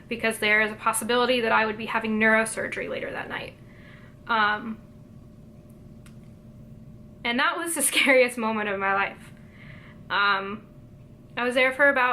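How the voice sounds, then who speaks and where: A young woman telling a personal story to camera, hesitant and emotional, with many pauses and fillers. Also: fairly high pitch, sharp tone, a little hiss or hum. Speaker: vlogger.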